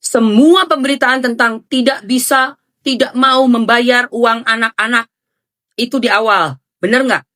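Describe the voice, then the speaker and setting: A woman's voice: fairly high pitch, measured pace. A woman hosting a casual livestream, talking animatedly, scolding her chat and thanking viewers. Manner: animated, scolding, switching into Javanese phrases. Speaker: livestream host.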